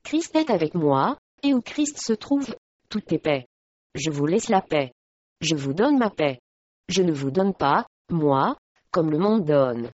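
A frail young noblewoman facing death , voiced by a woman storyteller speaks softly and serenely, a little lower than a plain speaking voice. The recording is dry and dull, with little treble. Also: sing-song, slow pace, no room sound, full character voice. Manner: soft, serene. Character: young frail noblewoman, calm condemned martyr.

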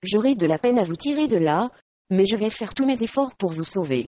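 A woman reading aloud voices a remorseful medieval English lord in a lowered, gruff tone, in a dull lo-fi recording. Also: lively intonation, fairly quick, mellow, no room sound, close to an everyday voice. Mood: gruff, troubled. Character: angry remorseful medieval English lord, middle-aged man.

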